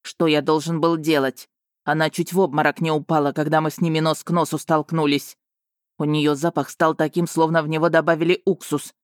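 A reader playing a werewolf companion from an audiobook, blunt and touchy, his gruff delivery sitting at a middling pitch. the voice is dry and close, with no room around it, and he bristles quickly. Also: little pitch movement, no echo, natural voice. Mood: indignant. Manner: gruff, growling at times. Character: blunt male werewolf, loyal, easily riled. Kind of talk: audiobook character reading.

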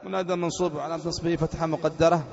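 A man's voice: fairly high pitch, little pitch movement, racing, gravelly, long reverb tail, highs cut off, crowd noise. A man teaching a grammar lesson as a sheikh, explaining step by step and quizzing his students as he goes.

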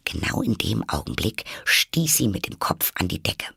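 A man narrating a classic children's story in a measured storytelling manner. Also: lowish voice, very animated, gravelly, pushed and bright, slightly rough, dry recording, clean studio sound. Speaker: audiobook narrator.

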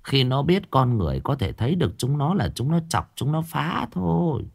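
A man's voice: fairly low pitch, big pitch swings, moderate pace. A man voicing a fierce old village grandmother who scolds sharply. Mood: grumbling. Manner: scolding, gruff.

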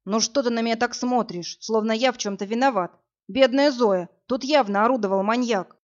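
A woman's voice: a little high, fairly quick, natural voice. A woman reading the lines of a nervous young man who slips into a manic rant in an audiobook. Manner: nervous, faltering, then ranting. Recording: dull lo-fi audio.

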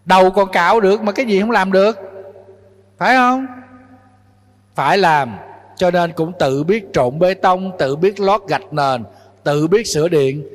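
A man's voice: high-pitched, a little slow, long pauses, in a large hall. A male Buddhist monk giving a dharma talk to young followers, scolding and urging them on with rhetorical questions.

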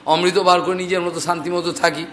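A man voicing a humble male envoy of the gods who politely flatters and persuades a king. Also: high-pitched, fast. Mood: persuading.

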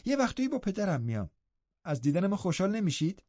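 A man voicing an eager, lively teenage girl in an audiobook, with a high girlish put-on voice and an excited, chattering manner. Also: no room sound. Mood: teasing. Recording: dull, dry audiobook recording.

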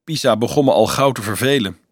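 Man reading as a teasing young male student, mid-pitched, dry close sound; storybook role. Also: quick pace, no echo, close to an everyday voice. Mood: wry. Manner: light, teasing, evasive.

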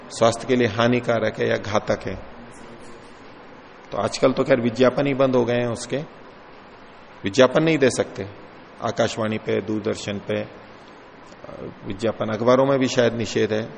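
A man's voice: medium pitch, vocal fry. A man giving a lecture on yoga scripture, explaining each term patiently and with many examples. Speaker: yoga philosophy teacher. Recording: long hall reverb with faint noise.

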